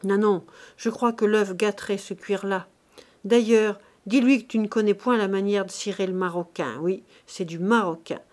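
A woman's voice: medium pitch, steady tone, normal speed, darkish tone, lightly acted. A woman reading the lines of a stingy old man who gives curt, dismissive orders. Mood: stern. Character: stingy old male miser, curt and commanding.

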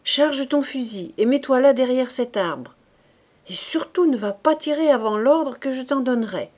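A brisk, commanding corporal, put on by a woman reading a story aloud. He barks short orders in a loud, higher-pitched voice. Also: animated. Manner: barking orders, raised voice. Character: gruff blunt male corporal, brisk and commanding.

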